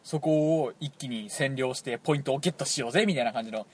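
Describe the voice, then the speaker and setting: A man from Toyama with a Toyama dialect, telling a rambling, animated story as a radio show co-host in casual chat. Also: mid-range voice, fast, breathy edge. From Toyama, Japan. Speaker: podcast co-host.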